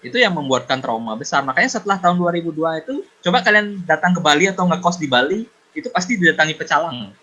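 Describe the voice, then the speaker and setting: A man speaking as a podcast guest, reflective and pausing often with fillers. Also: on the high side, animated, pushed and bright. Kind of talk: casual podcast discussion. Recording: dull lo-fi sound.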